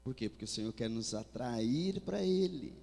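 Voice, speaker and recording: A man preaching a sermon with fervor, his delivery swinging between soft and loud. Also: mid-range voice, expressive, normal speed, vocal fry. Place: church hall. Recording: long hall reverb with faint music.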